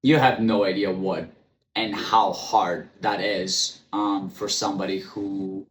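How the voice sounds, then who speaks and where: Sitting low with a steady tone, this man speaks slowly in his candid solo podcast, filmed on camera in an echoey room with faint background ambience. English is his second language, and his blunt talk is full of stutters, restarts and ums, with the odd casual swear.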